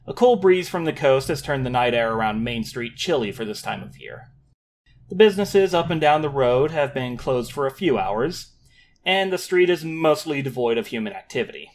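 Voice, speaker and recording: A man's voice: mid-range voice, expressive, moderate pace, slight background noise. A man speaking as the game master of a tabletop role-playing game. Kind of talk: scripted scene narration, then casual chat.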